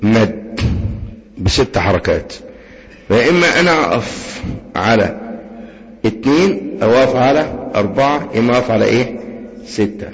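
Husky Egyptian teacher in a reverberant hall. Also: male voice, medium pitch, animated. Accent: Egyptian Arabic. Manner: patient, asks the class questions and answers them himself; demonstrates recitation with slow drawn-out chanting. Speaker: Quran recitation teacher. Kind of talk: tajweed lesson. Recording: dull lo-fi recording with long reverb.

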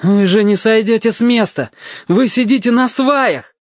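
A man's voice: sits high, lively intonation, fairly quick, husky, dry recording, pitched above the performer's own voice. A man doing a ringing, defiant young boy. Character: desperate, defiant young boy, brave but scared. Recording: dull, dry audiobook recording.

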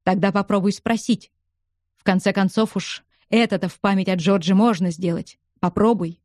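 A woman's voice: medium pitch, steady tone, normal speed, a little mellow, dry recording, lightly acted. Audiobook male lead voiced by a woman: bitter, pushy young man, close dry recording. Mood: angry pressing. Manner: accusing, hard-pressing. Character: angry young man, blunt and accusing.

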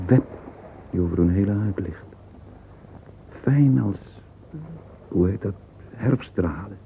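In an interior monologue for a radio drama, a pensive, sensual middle-aged man murmurs his thoughts haltingly in a very low, creaky voice. Curious and alone with himself, he muses aloud. The audio is an old, muffled, phone-like recording with faint hiss.

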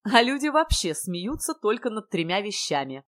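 A woman's voice: mid-range voice, very animated, moderate pace, a bit bright, pitched above the performer's own voice. Woman doing a pompous know-it-all youth. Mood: mock-serious. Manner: mockingly serious, lecturing. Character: pompous mock-serious young man, know-it-all.

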